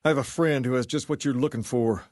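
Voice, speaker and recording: Man acting as folksy male gang boss, rock-and-roll idol type, Southern US accent, mid-pitched, self-assured, measured, video game character, dry sound. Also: a little mellow, dry recording, lightly acted. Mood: easygoing, assured.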